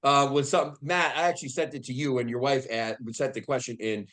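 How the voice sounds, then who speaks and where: A man's voice: medium pitch, fairly even intonation, fast talker, a bit bright. A man hosting a casual podcast as a coach, talking frankly with easy laughter and casual swearing.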